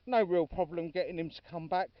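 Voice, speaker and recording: Chatty and informal, a man with a voice on the high side speaks briskly as he films his outdoor walk with his dogs, calling them every so often. Captured by a distant mic, the audio is dry, dull and lo-fi with no room sound.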